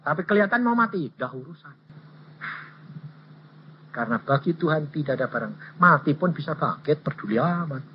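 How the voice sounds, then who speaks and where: A male evangelist preaching a sermon, telling stories and acting out dialogue in an animated way. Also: on the high side, normal speed, long pauses, a little hiss or hum. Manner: animated, acts out dialogue, raises voice. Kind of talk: sermon with personal storytelling. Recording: dull lo-fi recording.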